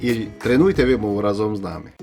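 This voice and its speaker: A man's voice: lowish voice, animated, fast talker, gravelly, loud music behind the voice. A man teaching an English pronunciation lesson, explaining the rules step by step and pronouncing English example words. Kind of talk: video lesson.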